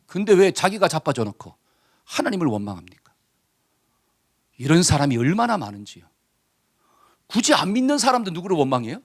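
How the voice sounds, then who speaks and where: A man preaching in a high, very animated voice that swings widely up and down. He talks to the congregation in a conversational way, acts out short quoted dialogues and keeps asking them questions. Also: a little fast, long pauses. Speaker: pastor. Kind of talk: sermon.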